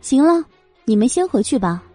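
A woman voicing a calm, mocking young female doctor in an audiobook. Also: high voice, normal speed, no room sound, faint music behind. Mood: teasing. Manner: light, teasing, cool.

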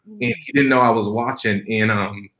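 Young male preacher as podcast guest, low voice, earnest, reflective storytelling with restarts. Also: moderate pace, pushed and bright. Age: 20s. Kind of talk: personal storytelling in a podcast interview.

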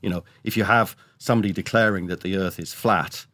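A man's voice: low voice, fairly even intonation, a little fast, a bit bright, dry recording. A man giving emphatic, opinionated commentary as a columnist guest in an interview. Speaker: economics columnist, podcast guest.

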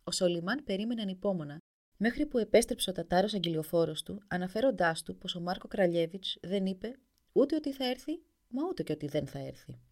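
A woman narrating a folk tale in an expressive storybook reading. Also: lowish voice.

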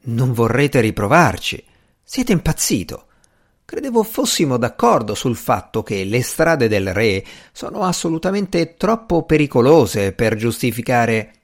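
A man reading the part of a cautious older gentleman politician in an audiobook, calm and mildly scolding. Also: mid-range voice, normal speed.

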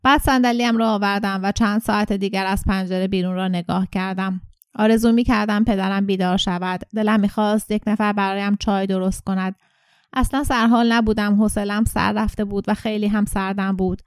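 A woman's voice: medium pitch, fairly even intonation, clean tone, no room sound. Woman narrating a story, close and dry. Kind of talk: audiobook narration.

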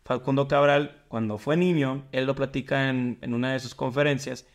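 A man's voice: medium pitch, steady tone, normal speed. A man co-hosting a casual podcast, telling stories in a reflective, meandering way. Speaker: podcast co-host.

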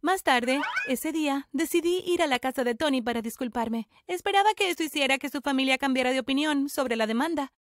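A woman's voice: high voice, expressive, fairly quick, hardly any pauses, no echo, clean studio sound. A woman narrating a first-person story in a scripted, dramatic, emotional way.

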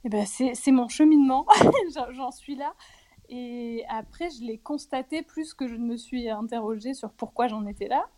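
In an interview, a woman in her 40s talks openly about her personal life, sounding reflective and hesitant and often pausing on fillers. Her voice is fairly high-pitched with a dark tone.

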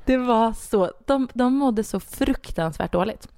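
Female guest author, low and gravelly, animated casual storytelling, dry close recording. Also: dry recording. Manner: animated, many fillers and restarts. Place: Stockholm studio.

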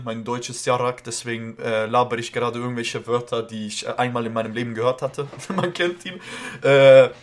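A man with a rolled R, giving casual, slangy reaction commentary on a song as a music reaction host. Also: mid-range voice. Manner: loose slangy talk, often says "Freunde".

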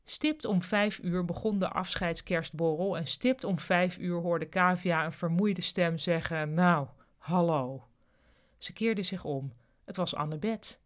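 A podcast host reading a novel chapter aloud in a calm, plain storytelling way into a studio microphone. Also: medium pitch, measured pace. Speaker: podcast reader and author.

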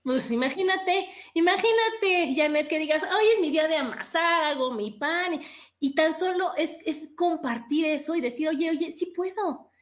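A woman hosts a friendly talk show with enthusiasm. She sounds encouraging and upbeat, and her voice sits high. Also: animated, normal speed. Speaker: host. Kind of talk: casual chat.

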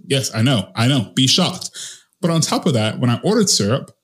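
Animated swearing man telling a rant. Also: moderate pace. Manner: animated storyteller, swears, swoops up in pitch at punchlines. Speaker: co-host of a film podcast. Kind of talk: casual chat.

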